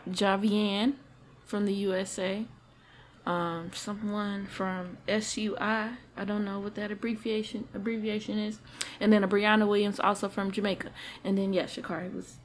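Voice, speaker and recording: Chatty woman co-host with faint hiss. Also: mid-range voice. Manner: chatty, animated storytelling with slang. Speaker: podcast co-host. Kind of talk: casual chat.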